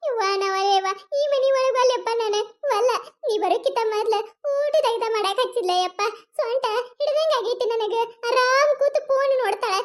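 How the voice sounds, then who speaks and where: A woman voicing a sly, whining elderly mother-in-law in a cartoon comedy, with a North Karnataka Kannada accent and a squeaky cartoon voice. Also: fairly quick. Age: older.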